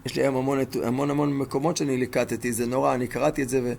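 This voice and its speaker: Male rabbi, Torah class; emphatic storyteller, gravelly tone, faint hiss in the background. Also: mid-range voice, little pitch movement, darkish tone. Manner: emphatic, fires rhetorical questions at listeners.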